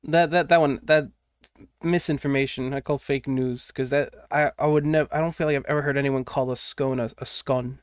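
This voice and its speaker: A man's voice: a little high, steady tone, brisk, clear, resonant tone, no echo, clean studio sound. A young man streaming while he draws, chatting casually, rambling and swearing, muttering to himself as he works. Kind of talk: casual livestream chat while drawing.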